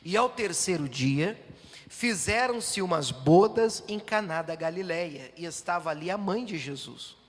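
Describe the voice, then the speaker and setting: A man's voice: sits high, animated, measured pace, big-room sound. A man preaching a sermon as pastor, emphatic and addressing the congregation directly.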